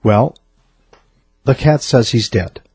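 A man voicing a calm young biologist speaking plainly and patiently in a joke. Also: medium pitch, slow, breathy edge, dry recording, soft background music. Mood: matter-of-fact. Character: calm, matter-of-fact young male biologist.

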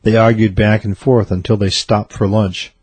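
Man, joke teller, deadpan, husky, dry recording. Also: fairly low pitch, moderate pace, no room sound. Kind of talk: reading jokes aloud.

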